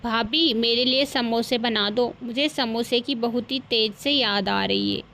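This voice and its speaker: A woman's voice: on the high side, fairly even intonation, a little slow, sharp tone, a little hiss or hum. A woman voicing a jealous young sister-in-law who scolds and complains in a cartoon story. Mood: sulky.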